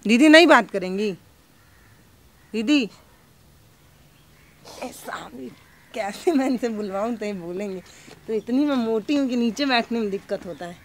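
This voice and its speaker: A woman's voice: a little high, animated, normal speed, slight background noise. A woman reporting on location as a field news reporter, coaxing and pleading with questions, then speaking impassioned to camera.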